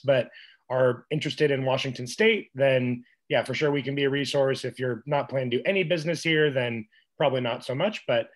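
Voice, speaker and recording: A man speaks on a video call panel on behalf of a regional trade office. He talks fast in a middle pitch. His manner is brisk and friendly. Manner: brisk, friendly, offers help.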